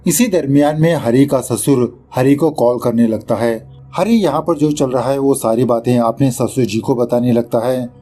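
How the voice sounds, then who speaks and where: With a dark-toned, mid-range voice and faint music behind him, this narrator recaps a movie at normal speed, barely pausing. He keeps it chatty, slips in English words, and pokes fun at the director mid-story.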